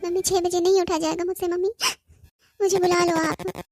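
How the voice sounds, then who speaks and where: A woman's voice: extremely high pitch, steady tone, fairly quick, over music. A woman voicing a spoiled young cartoon bride who whines and pleads, repeating "mummy" over and over. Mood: tearful pleading. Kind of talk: cartoon voice acting.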